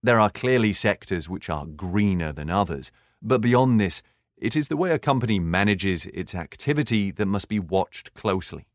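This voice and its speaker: A man with a low voice narrates a corporate podcast from a script. He explains things in a measured, formal way. The recording is dry, with no room sound. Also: animated, dry recording.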